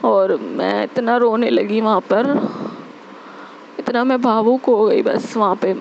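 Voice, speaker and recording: A young woman telling a heartfelt spiritual testimony, earnest and repetitive, with many pauses and fillers. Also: fairly high pitch, fairly even intonation, gravelly, a little mellow, a little hiss or hum. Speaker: devotee sharing a testimony. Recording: dull lo-fi recording.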